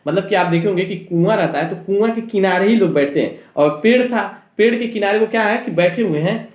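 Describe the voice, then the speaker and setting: A young male teacher with a fairly high voice explains a story to students. He reads lines out slowly, then hurries through his own explanation and keeps asking and answering his own questions. The sound bounces around an echoey room. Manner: slows to read English lines aloud, then explains them quickly in Hindi; asks questions and answers them himself. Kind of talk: explaining an English story in Hindi to school students.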